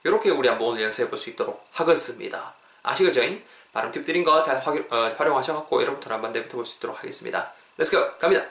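A man hosting a podcast English lesson, lively and playful, drilling phrases over and over. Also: medium pitch, very fast, vocal fry, echoey room. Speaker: English teacher, podcast host.

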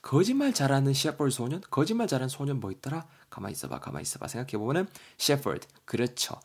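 A man teaching English vocabulary on a podcast, chatty and lively, spelling words out letter by letter. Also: medium pitch, quick pace, slightly rough.

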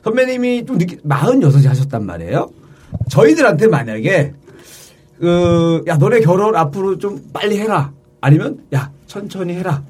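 A man's voice: high voice, big pitch swings, moderate pace, a little mellow, distant mic, slight background noise. A man in his thirties co-hosting a talk show, asking questions eagerly and agreeing often. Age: 30s. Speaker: co-host. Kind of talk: casual talk show chat.

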